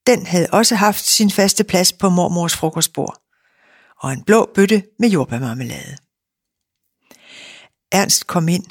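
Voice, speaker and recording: A woman narrating a novel in a calm, even reading voice, in a dry recording. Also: fairly low pitch, long pauses, no echo. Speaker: audiobook narrator. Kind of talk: scripted narration.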